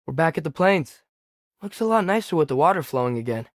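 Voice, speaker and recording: Here a young man with an American accent plays a curious, earnest teen adventurer, a companion character in a game, using a fairly high-pitched, expressive voice at a fairly quick clip. His lightly acted lines are scripted and conversational, posed as casual questions in an inquisitive yet matter-of-fact way. The sound is studio-clean, with no room tone.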